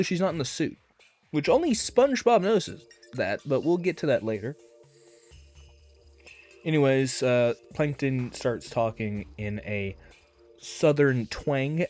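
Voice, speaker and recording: A man's voice: mid-range voice, lively intonation, takes it slowly, pauses often, a little mellow, soft background music. A man giving a casual, rambling commentary review of a cartoon episode, with lots of fillers and hedges.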